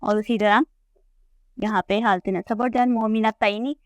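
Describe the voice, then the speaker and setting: A woman's voice: mid-range voice, steady tone, a little slow, no room sound. A woman teaching Arabic grammar, patiently repeating word forms and checking in with her students. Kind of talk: classroom lesson explaining a chart.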